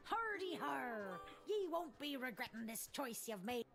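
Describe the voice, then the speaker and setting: A swaggering female pirate captain from a video game, pitched high. She is a boisterous old sea dog with a theatrical stage pirate accent and salty, archaic turns of phrase. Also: big pitch swings, a little slow, vocal fry, a bit bright, faint music behind, full character voice. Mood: rousing. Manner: theatrical, archaic nautical slang.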